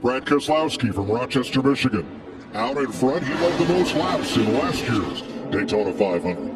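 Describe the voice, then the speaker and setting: A man calling a car race live as play-by-play announcer, briskly rattling off driver names. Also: mid-range voice, very animated, far from the mic.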